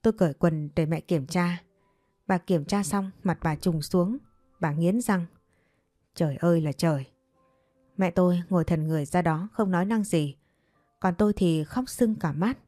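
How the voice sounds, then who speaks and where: A woman with a low, warm voice tells a first-person story in a steady, dramatic way. The recording is dry and close, with faint music running underneath. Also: moderate pace, dry recording.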